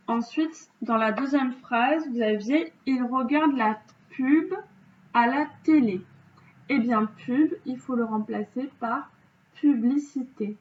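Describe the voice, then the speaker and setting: A woman teacher slowly correcting vocabulary exercises, explaining rules patiently step by step. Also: fairly high pitch. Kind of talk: remote vocabulary lesson correction. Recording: dull lo-fi home recording.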